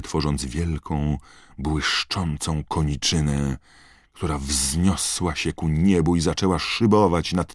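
A man reading an audiobook in a measured, unhurried scripted narration. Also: extremely low pitch, dry recording, studio quality.

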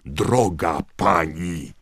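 A man's voice: sing-song, a little slow, dry recording, clean studio sound, full character voice. A man voicing a blustering, panicked male minister of magic who roars in rage. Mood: furious shouting. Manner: roaring, shrill with rage.

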